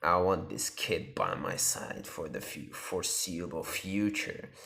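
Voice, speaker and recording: Blunt male killer read by a man, low gritty voice, menacing. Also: expressive, a little slow, vocal fry, bright, forceful tone, full character voice. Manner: plain read-aloud delivery.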